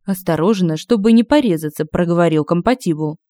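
A woman reading a humorous fantasy audiobook in an even, measured way. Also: fairly low pitch, no echo. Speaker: audiobook narrator.

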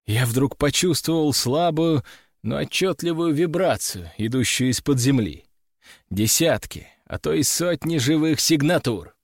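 A man's voice: fairly high pitch, no echo. Man narrating an audiobook, dry close sound. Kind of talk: first-person audiobook narration.

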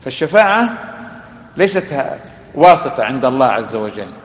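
A man's voice: mid-range voice, sing-song, moderate pace. A man teaching a religious lesson, explaining a text with emphatic, repeated phrases and long lists. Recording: echoey hall.

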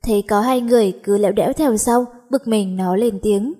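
A woman narrating a story as an audiobook reader, in steady storytelling. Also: mid-range voice, moderate pace, slightly rough. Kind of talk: audiobook narration of a teen romance.

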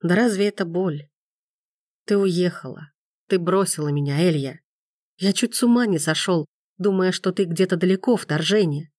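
A woman's voice: normal speed, no room sound, studio quality, natural voice. A woman reading the lines of a bitter, insistent man who turns tender. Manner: low, insistent, softly tender. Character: man, intense, bitter, then tender lover.

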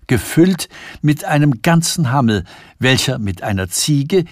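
A man's voice: medium pitch, no echo. Man narrating a novella, dry studio. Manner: measured, precise storytelling. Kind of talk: scripted literary narration. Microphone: studio microphone.

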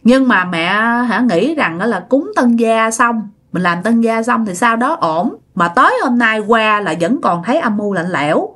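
A woman's voice: fairly high pitch, lively intonation, normal speed, hardly any pauses, fairly bright tone. A woman as a worried older mother-in-law. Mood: concerned.

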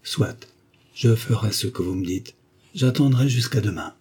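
A man's voice: on the low side, lively intonation, measured pace, a little mellow, husky, full character voice. A man reading a proud young duke.

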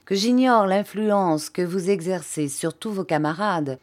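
A woman's voice: lowish voice, a little slow, close to an everyday voice. A woman reading an audiobook, voicing an agitated male schoolmaster who raises his voice in trembling outbursts.

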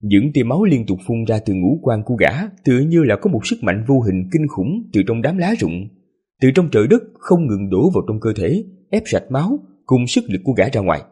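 A man with a hoarse voice narrating a serialized story as the channel host, in a relaxed, chatty way. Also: medium pitch, brisk. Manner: relaxed, chatty asides with fillers.

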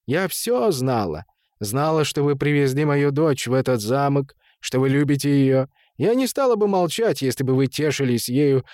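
A man voicing a scornful, knowing old witch who speaks calmly with a creaking, mocking tone in a storybook reading. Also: mid-range voice, no room sound, studio quality, natural voice.

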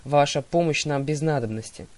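A man's voice: on the high side, normal speed, darkish tone, natural voice. A man reading the part of a proud young huntress girl who speaks curtly and commands. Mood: stern. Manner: curt, commanding.

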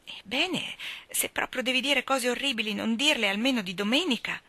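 A woman's voice: very animated, normal speed, bright, forceful tone, no echo, exaggerated voice. Dora, a woman doing a timid pious girl. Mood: anxious. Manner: high, pleading and shocked. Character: timid pious little girl, anxious and scolding.

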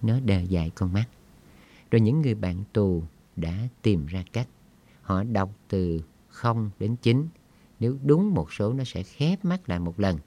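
A man reading a story aloud in a slow, somber storytelling manner. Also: lowish voice, lively intonation, warm tone. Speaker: audiobook narrator.

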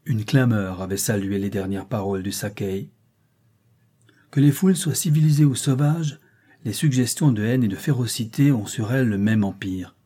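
A male narrator reads an adventure novel aloud with emphatic, dramatic delivery. His voice is mellow and dark, with a touch of breathiness. He keeps a storytelling cadence throughout. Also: lowish voice, normal speed, husky. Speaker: audiobook narrator.

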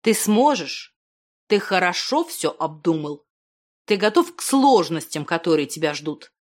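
A blunt, grumbling man with a skeptical edge, pitched low, as a woman narrator puts him on. He presses his points plainly in an audiobook reading. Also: big pitch swings, unhurried. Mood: earnest.

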